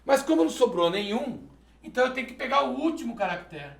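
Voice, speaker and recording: Man, math teacher, high voice, methodical step-by-step explaining, echoey room. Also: animated, quick pace, vocal fry. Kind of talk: video lesson solving exercises.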